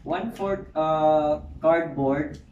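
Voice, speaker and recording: A young man with a Filipino accent, answering interview questions politely and hesitantly, with halting phrases. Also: a little high, darkish tone, dull audio. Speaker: job interview candidate. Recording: distant echoey noisy room recording.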